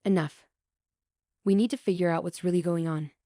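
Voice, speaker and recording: A woman's voice: on the low side, steady tone, moderate pace, dark tone, no echo, clean studio sound, lightly acted. Woman reading as a firm, frustrated dad. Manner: firm, demanding questions. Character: frustrated middle-aged father, firm and demanding.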